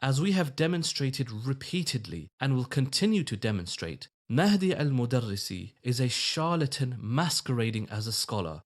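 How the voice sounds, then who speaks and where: Sarcastic male commentary narrator. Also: mid-range voice. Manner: sarcastic, scolding. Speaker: video narrator. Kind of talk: critical commentary.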